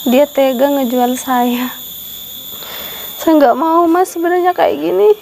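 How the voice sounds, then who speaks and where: A woman's voice: sits high, slow pace, gravelly, darkish tone, a little hiss or hum, exaggerated voice. An actress playing a sorrowful, meek young woman who ran from a cruel stepmother. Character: sad young woman fleeing her stepmother. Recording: guitar music behind the voice.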